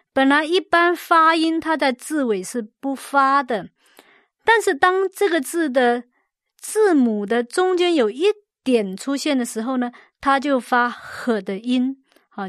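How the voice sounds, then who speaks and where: Slow, high-voiced woman teaching. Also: no room sound, studio quality. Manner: slow, careful, repeats key words. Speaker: Bible Hebrew teacher. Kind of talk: scripted word-study lesson.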